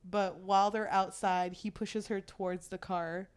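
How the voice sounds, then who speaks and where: In a clear, resonant mid-range voice with little pitch movement, a woman speaks unhurriedly as co-host of a book podcast. The conversation is a casual book discussion, and she jokes and swears freely in an irreverent way.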